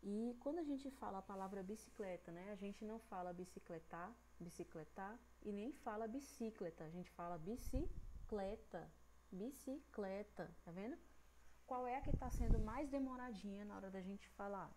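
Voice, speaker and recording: A woman's voice: mid-range voice, a little mellow, a little hiss or hum, poor audio. A Brazilian woman teaching an online grammar lesson to young children, stretching out syllables patiently and checking in often with the class. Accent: Brazilian Portuguese. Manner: patient, drawn-out syllables, frequent "né?" and "certo?" checks. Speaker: primary school teacher.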